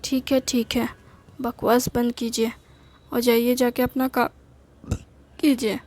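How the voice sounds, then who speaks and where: A woman voicing a scolding, sharp-tongued older wife. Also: on the high side, level tone, slow, no room sound. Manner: scolding, curt. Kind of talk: storytelling with acted dialogue.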